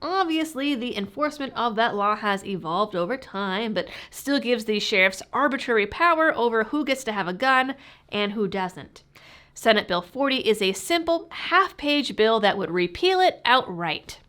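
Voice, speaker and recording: A woman's voice: a little high, lively intonation, normal speed, a bit bright. A woman with a cold, her voice stuffy and muffled as if talking through a fishbowl, hosting a political commentary channel with sarcastic, pointed delivery.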